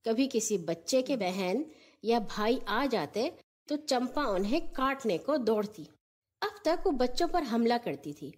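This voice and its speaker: Female storyteller for children's tales, fairly high voice, unhurried scripted narration. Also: a little mellow.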